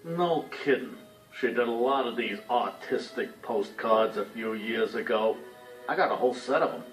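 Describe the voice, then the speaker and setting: An actor voicing a gruff, grudging man in a video game, with colloquial speech. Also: mid-range voice, moderate pace, reverberant, recorded from a distance, soft background music, natural voice, rough recording.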